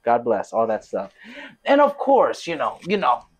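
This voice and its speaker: A man from Connecticut hosting his podcast, chatting casually with lots of laughter and shout-outs. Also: medium pitch, wildly swooping pitch, measured pace, husky. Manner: playful, hyped, laughs a lot, shout-outs. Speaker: podcast host. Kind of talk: casual chat.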